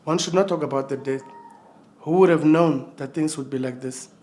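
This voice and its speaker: A man's voice: fairly high pitch, moderate pace, darkish tone, natural voice. An actor playing a weary, exasperated man who is welcoming mourners after his uncle's death. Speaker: bereaved nephew hosting mourners.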